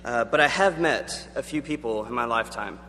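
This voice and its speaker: This student chapel speaker, a young man, talks earnestly and conversationally with frequent ums in a large auditorium. His mid-range voice is brisk with a sharp tone. Expect long reverb from the hall and a faint background hum.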